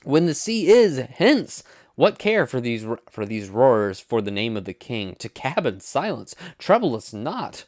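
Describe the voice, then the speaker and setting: A man's voice: mid-range voice, very animated, unhurried, a little mellow, no echo, clean studio sound, pitched above the performer's own voice. A man reading the speech of an old, earnest and long-winded royal counselor in a raised, declamatory Shakespeare style. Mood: pleading. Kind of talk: amateur Shakespeare read-aloud.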